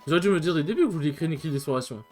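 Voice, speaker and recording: A man voicing a bossy, self-important male bird Pokémon from a video game, with a shrill, witch-like voice and a haughty way of snapping orders. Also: lively intonation, rapid-fire, a little mellow, faint music behind, close to an everyday voice. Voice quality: shrill witch-like voice, man's version.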